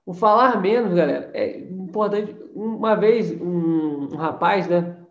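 A man with a Brazilian Portuguese accent gives an energetic, preachy network marketing training talk and keeps adding tag questions. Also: high voice, measured pace. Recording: roomy, dull lo-fi sound.

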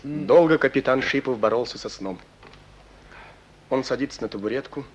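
A man calmly reading the stage directions as narrator of a radio drama. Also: medium pitch, normal speed, slight background noise, low-quality recording.

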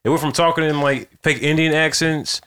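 A man's voice: a little high, steady tone, fairly quick, fairly bright tone, clear, resonant tone. A young man co-hosting a podcast, chatting casually and slangily, calling everyone bro. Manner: slangy, says bro a lot. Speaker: podcast co-host. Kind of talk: casual chat.

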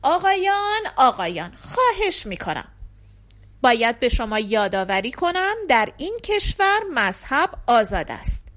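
Peacemaking father, storybook, polite and calm, bright animated tone, a woman reading. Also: a little high, few pauses. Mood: placating.

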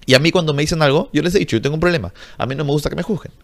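A man's voice: a little high, rapid-fire, gravelly. A young man, ranting bluntly and profanely to camera in a casual vlog. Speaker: vlogger.

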